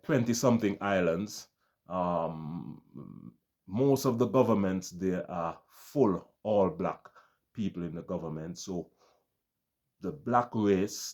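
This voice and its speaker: A man speaks straight to his viewers in a very low, dark, mellow voice. He sounds earnest and keeps repeating himself, and he often calls his audience his friends. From Caribbean. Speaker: vlogger. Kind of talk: casual talk to camera.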